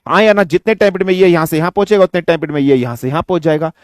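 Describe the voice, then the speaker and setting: A man teaching physics in an online exam-prep lecture, mixing Hindi and English, asking and answering his own questions and slowing down to dictate definitions. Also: fairly high pitch, no echo, studio quality. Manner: slows down to dictate definitions word by word.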